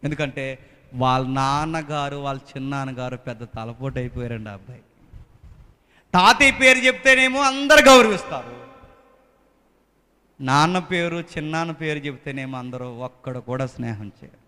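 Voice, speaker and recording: A man preaching as a pastor in a fervent sermon, swinging between loud exhortation and hushed pleading into a microphone. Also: mid-range voice, fast, smooth, big-room sound.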